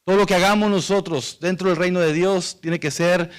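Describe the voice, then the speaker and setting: A man's voice: high voice, steady tone, a little fast, clean tone. A man preaching a sermon, reading Bible verses aloud and explaining them to the congregation, whom he calls church. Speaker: pastor.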